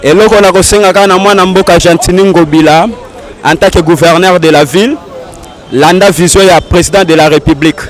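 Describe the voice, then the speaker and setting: A man's voice: high-pitched, fairly even intonation, brisk, a faint crowd. A man giving an earnest, insistent street interview outdoors in a city. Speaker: interviewee, party supporter.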